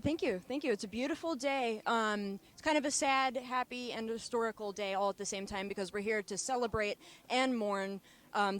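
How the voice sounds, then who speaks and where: A woman interviewing a guest outdoors at a memorial gathering, asking questions in a friendly, chatty way. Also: medium pitch. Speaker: magazine interviewer. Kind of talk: casual interview.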